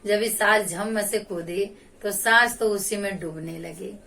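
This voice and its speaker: A woman tells a Shiva devotional story at an unhurried, deliberate pace, circling back over each phrase. Her voice sits at an ordinary pitch and sounds a bit far from the microphone. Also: creaky, bright, forceful tone. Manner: slow, repetitive retelling. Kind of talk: religious folk storytelling.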